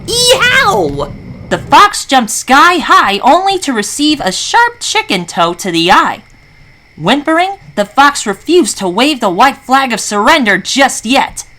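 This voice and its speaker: A woman reads a children's story as its narrator, with a high, lively voice. Faint noise runs behind the recording. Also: a little slow.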